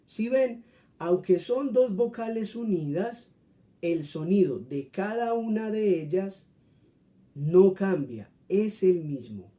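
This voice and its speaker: A man's voice: sits high, expressive, slow, warm tone. A man teaching a friendly Spanish lesson, patiently explaining and repeating example words for his viewers.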